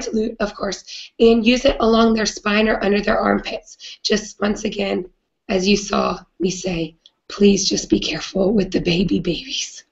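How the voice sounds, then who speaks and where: A woman with a raspy, hoarse voice from a cold, hosting a live video chat in an earnest way with many "um" fillers. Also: fairly high pitch, dull audio. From not British. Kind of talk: casual live-stream talk.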